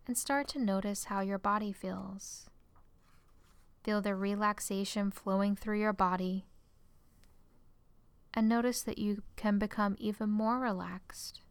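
A woman guiding a relaxation exercise in a calm, soothing way, her phrases trailing off into soft whispers. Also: mid-range voice, clean tone, no room sound. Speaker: relaxation guide. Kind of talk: guided relaxation script.

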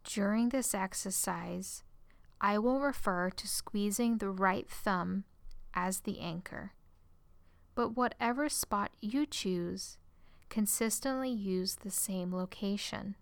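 A woman guiding a relaxation exercise in a calm, soothing way, her phrases trailing off into soft whispers. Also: mid-range voice, slow, gravelly, no echo. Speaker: relaxation guide. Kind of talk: guided relaxation script.

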